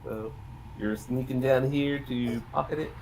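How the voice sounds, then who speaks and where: A man's voice: medium pitch, fairly even intonation, unhurried, darkish tone, a little hiss or hum, low-quality recording. A man working as game master, casually narrating a tabletop game and asking players for their moves.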